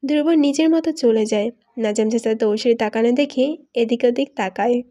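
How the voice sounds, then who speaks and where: A woman with a high voice reads a romantic story aloud, her tone soft and mellow rather than bright. She takes on every character herself and drops into rough village dialect whenever they start quarrelling. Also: fairly quick. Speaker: story narrator.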